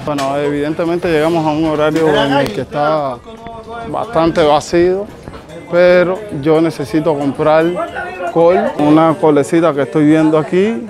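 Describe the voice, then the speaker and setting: A man's voice: fairly high pitch, fairly even intonation, normal speed, over music. A man in his thirties with a Cuban accent, casually narrating a vlog into a phone at arm's length. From Cuba. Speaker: vlogger. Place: outdoors in street and open market. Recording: busy street and market noise behind.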